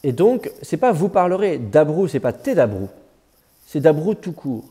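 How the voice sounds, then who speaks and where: A man's voice: a little high, very animated, normal speed, mellow, slightly rough. A man teaching a classroom lesson, patiently explaining and correcting students as they read aloud. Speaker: teacher of biblical Hebrew. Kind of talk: classroom lecture.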